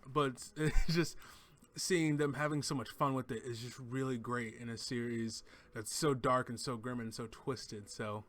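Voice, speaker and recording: A man's voice: mid-range voice, sharp tone. A man giving a casual, enthusiastic spoken review of a TV episode, rambling and often restarting his sentences. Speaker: TV show reviewer.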